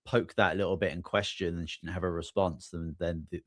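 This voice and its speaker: A man in his forties hosting a podcast, relaxed and friendly, with plenty of fillers. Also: low voice, fairly quick, no room sound, studio quality. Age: 40s. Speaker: podcast host. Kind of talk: podcast conversation.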